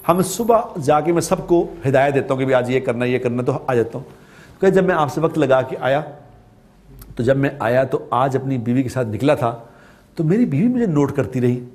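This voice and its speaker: A man's voice: a little high, animated, darkish tone. A man from Pakistan giving a religious talk, telling a story with repeated phrases for emphasis. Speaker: preacher.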